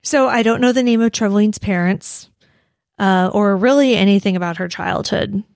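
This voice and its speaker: American woman with creaky vocal fry. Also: mid-range voice, normal speed, a little mellow, dry recording, studio quality. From United States. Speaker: true crime podcast host. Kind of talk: conversational true crime storytelling. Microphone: close podcast microphone in a dry room.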